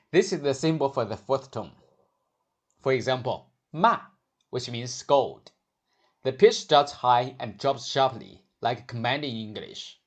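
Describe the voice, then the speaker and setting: A male teacher walks learners through Mandarin sounds in a calm, scripted lesson. His voice sits at an ordinary middle pitch. He models each syllable slowly and deliberately so it can be copied.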